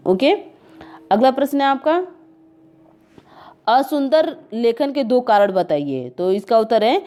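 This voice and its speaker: Woman exam tutor, higher-pitched but mellow voice, steady explain-and-repeat delivery. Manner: addresses viewers as friends, repeats "okay" between points. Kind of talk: exam answer walkthrough.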